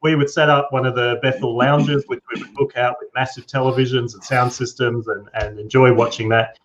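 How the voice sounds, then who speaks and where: Australian man, relaxed storyteller, dull lo-fi line with faint hiss. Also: medium pitch, fairly quick. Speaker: guest. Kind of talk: video call chat. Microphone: video call. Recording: dull lo-fi audio with faint noise.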